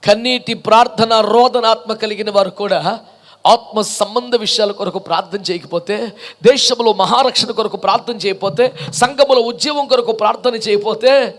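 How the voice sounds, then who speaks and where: A male pastor preaching a passionate sermon, piling up rhetorical questions and building to shouted peaks. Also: sits high, normal speed.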